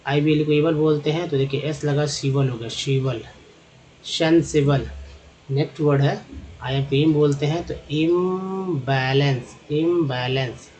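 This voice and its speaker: A man with a Hindi accent teaching English phonics, building words slowly from spelled-out parts and repeating each one. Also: fairly high pitch, steady tone, a little mellow. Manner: slow, repetitive, drawn-out explaining.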